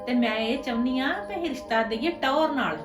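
A bossy, scheming aunt, played by a middle-aged woman, coaxes and presses, always fishing for agreement. Her voice sits a touch high and carries from a distance in an echoey room. Music plays clearly behind her. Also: fast talker, lightly acted. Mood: coaxing. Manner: persuasive, keeps asking for agreement. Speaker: scheming aunt arranging a match.

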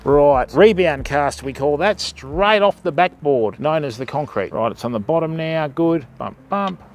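With a fairly high, animated voice and a measured pace, a middle-aged Australian fisherman streams live from his kayak on a river, giving tips and chatting both to himself and to his viewers as people. The kayak-mounted action camera picks up a little hiss or hum.

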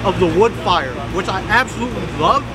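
High-voiced man talking with his mouth full. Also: lively intonation, a little fast, over a noisy crowd, poor audio. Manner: slangy, swears casually. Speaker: food reviewer. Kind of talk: casual food review. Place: outdoors at a car meet. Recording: loud background noise.

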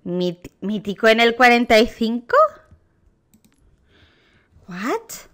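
Bright-voiced Spanish woman gushing over a game. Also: fairly high pitch, slow. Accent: Spain Spanish. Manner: excitable, gushing exclamations. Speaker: gaming youtuber. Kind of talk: casual reaction commentary.

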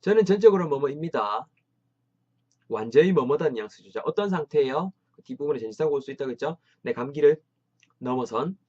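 Energetic man teaching English phrases. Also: a little high, brisk. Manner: energetic, encouraging, drills phrases aloud. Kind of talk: online English lesson. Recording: slightly dull lo-fi sound.

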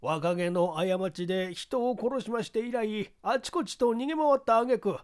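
A man's voice: high-pitched, moderate pace, clear, resonant tone, voice pushed up, close to an everyday voice. A man voicing a grey-bearded police sergeant reporting in stiff, polite formal speech. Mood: respectful.

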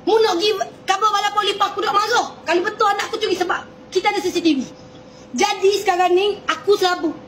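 Shrill woman yelling at store staff, repeats herself a lot, noisy room. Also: fairly even intonation, quick pace. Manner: angry, scolding, repetitive. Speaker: angry customer and mother. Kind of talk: heated confrontation. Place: convenience store.

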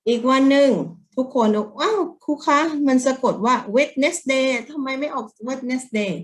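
Thai lady teacher, slow and gentle, drilling english words with little kids. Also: medium pitch. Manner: slow, drawn-out English drilling with repeat-after-me; gentle, encouraging teacher talk to children. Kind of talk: children's English lesson.

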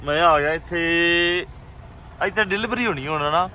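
A man's voice: a little high, unhurried. A man from India with a Punjabi accent, chatting casually and colloquially as a truck driver making a vlog on the road. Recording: loud wind and vehicle noise.

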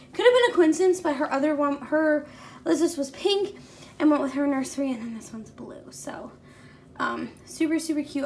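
A woman's voice: high-pitched, slight background noise. A pregnant woman giving a casual vlog tour of her home, rambling with many ums and likes as she walks from room to room. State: pregnant, at times out of breath. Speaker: vlogger. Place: indoors at home, walking room to room.

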